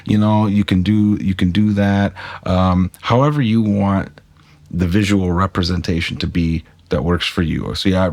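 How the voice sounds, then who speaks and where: Brief: man, deep voice, dry close mic, casual gear tutorial, rambling and friendly to viewers. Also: a little mellow, no echo. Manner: chatty, self-correcting, addresses viewers directly. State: talking with a pick in his mouth. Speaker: guitar gear tutorial maker. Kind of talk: casual screen-capture tutorial.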